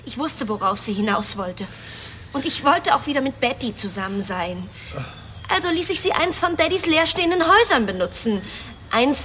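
In a German radio drama, an actress plays a spoiled rich daughter who confesses emotionally and justifies herself. Her voice is high and a bit bright, with slight background noise.

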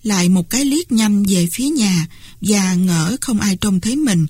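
An audiobook narrator, a woman with a husky, middling-pitched voice, reads a classic novel aloud as steady first-person scripted narration at a moderate pace. The sound is close and dry, with no room sound.

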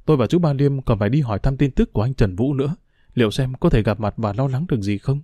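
A man voicing an earnest, caring young gentleman in an audiobook. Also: mid-range voice, fast talker, no echo, lightly acted.

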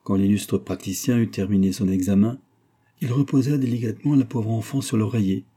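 Male audiobook narrator, low, husky, steady read. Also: brisk. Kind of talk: scripted narration.

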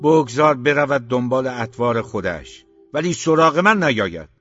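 A man voicing a harsh, domineering middle-aged father who shouts and scorns in an audiobook. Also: mid-range voice, lively intonation, lo-fi sound, soft background music. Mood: commanding. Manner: scornful, shouting, quick to anger. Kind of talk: audiobook character reading.

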